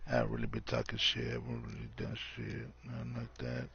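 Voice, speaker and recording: A drunk man with a gravelly voice rambles reflectively in loose, sweary street slang, like a streamer talking casually to viewers. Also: rumbling low, very animated, fast, a bit bright. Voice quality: gravelly, fry-laden voice. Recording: dull lo-fi mic, music behind. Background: music.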